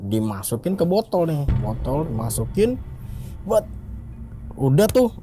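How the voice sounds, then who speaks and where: A man telling a story casually, his voice jumping high as he relives the pain. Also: big pitch swings, a little slow, over music. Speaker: interviewee telling a ghost story.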